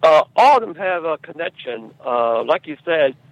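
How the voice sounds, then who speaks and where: Here the male screenwriter guest's voice is fairly high and sing-song as he stumbles through his interview answers, going back over words and phrases. It's a rough recording without echo.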